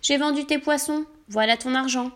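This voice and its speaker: A woman's voice: high voice, moderate pace, fairly bright tone. A woman voicing a friendly young male boatman in a storybook, calling out eagerly.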